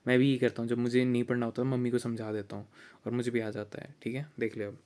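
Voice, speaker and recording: A man's voice: medium pitch, level tone, darkish tone, clear, resonant tone. Young man tutoring a friend, casual. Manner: chatty, teasing, switches into slow halting reading of English text. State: sore throat, tired. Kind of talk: casual study session.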